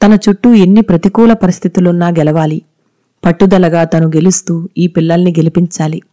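A narrator reading a story aloud in a measured, even storytelling manner. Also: medium pitch. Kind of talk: scripted audiobook narration.

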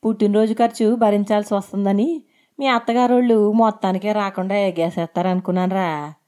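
A woman's voice: mid-range voice, steady tone, brisk, mellow, lightly acted. A woman voicing a sarcastic older mother-in-law. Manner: sarcastic, drawling.

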